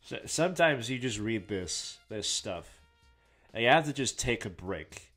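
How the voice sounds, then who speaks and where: A man chats loosely through a game playthrough, trailing off and swearing now and then. His voice sits at an ordinary middle pitch, with soft game music playing underneath. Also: expressive, slow. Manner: casual, self-deprecating, trailing off, swears. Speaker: let's play host. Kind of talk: rambling game commentary.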